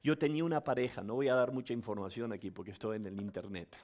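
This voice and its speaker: A man preaching as pastor, telling a story with acted-out voices and laughter, in an animated storytelling manner. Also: medium pitch, fast. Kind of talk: sermon.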